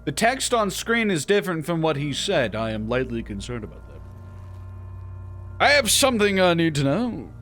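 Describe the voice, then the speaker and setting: A man's voice: on the high side, big pitch swings, moderate pace, fairly bright tone, faint music behind. A man streaming a video game, chatting casually and reading dialogue with playful, wry asides. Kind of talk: casual gameplay commentary.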